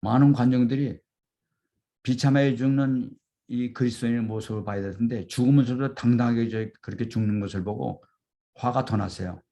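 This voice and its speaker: A man's voice: mid-range voice, fairly even intonation, a little fast, warm tone. A middle-aged man, a pastor, earnestly retelling martyr stories in a sermon. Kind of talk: storytelling sermon.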